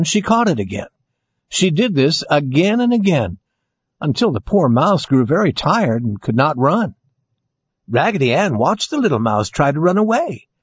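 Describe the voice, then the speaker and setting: A man reading a children's storybook aloud in a lively, expressive way, recorded with a dry, dull lo-fi sound. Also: on the high side, breathy edge, no room sound. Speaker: narrator.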